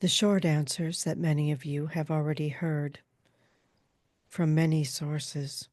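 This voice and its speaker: Woman channeling a slow, solemn spirit, seance-medium style. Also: sits low, fairly even intonation, darkish tone, dry recording, studio quality. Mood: solemn, measured. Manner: slow, measured, halting, formal pronouncements. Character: calm, solemn female channeled spirit named Alma.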